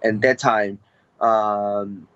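Young fighter from Hong Kong, Hong Kong accent, halting second-language English, fairly low voice, dull dry recording. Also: male voice, steady tone, a bit bright, no room sound. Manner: halting, hesitant non-native English with many fillers. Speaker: MMA fighter guest. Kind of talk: casual interview.

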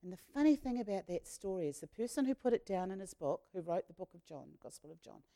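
A woman minister gives an all-age storytelling sermon. Her delivery is lively, slangy and chatty, and her voice sits slightly low. She speaks directly to the children and adults in front of her. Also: fast talker. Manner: lively, slangy, conversational retelling. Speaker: minister leading a children's talk.

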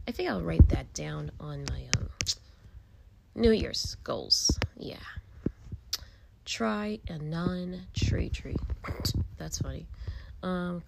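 Slow, gravelly woman half-whispering. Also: on the low side, background noise. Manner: meandering, often half-whispered, stops to react. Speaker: podcast host. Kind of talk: casual chat, reading articles aloud.

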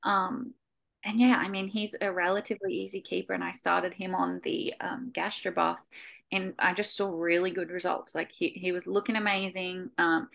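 A woman with a gravelly, fry-edged voice co-hosting a relaxed podcast. She talks in a laid-back way, dropping fillers and the odd swear word. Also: on the low side, moderate pace. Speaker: podcast co-host. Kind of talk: casual podcast chat.

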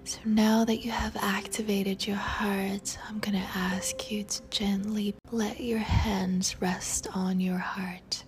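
Very slow, soft whispering woman meditation guide. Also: medium pitch, flat delivery. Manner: soothing, tender, addressing listener affectionately. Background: music.

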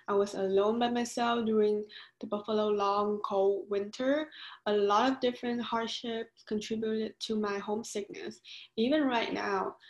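Appearing as an interview guest, a graduate student from Vietnam in her twenties gives sincere answers in English with a Vietnamese accent. Her voice is a little high with a darkish tone, and the recording sounds roomy.

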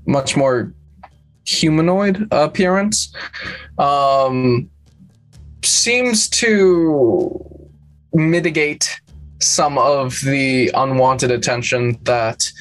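A woman acting as game master, narrating a tabletop role-playing game in a casual, halting way. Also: rumbling low, low-quality recording.

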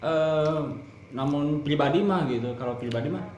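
A man's voice: a little high, moderate pace, a little hiss or hum. Young Sundanese man, roomy echo. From West Java, Indonesia. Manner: relaxed, repeats words, mixes in Sundanese slang. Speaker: interviewee. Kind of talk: casual interview chat.

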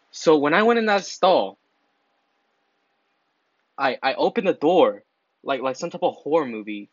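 A man's voice: on the high side, no echo, lo-fi sound. A teenage boy vlogging casually, crude and rambling, laughing mid-sentence and stumbling over his words. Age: teens.

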